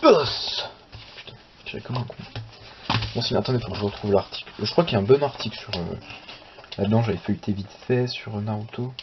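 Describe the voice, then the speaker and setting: A young man hosting a manga channel who chats casually while flipping through a magazine. He rambles, talks to himself and swears lightly, and the recording is slightly dull with a steady hiss. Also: lowish voice, fast, pauses often. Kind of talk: casual unboxing chat.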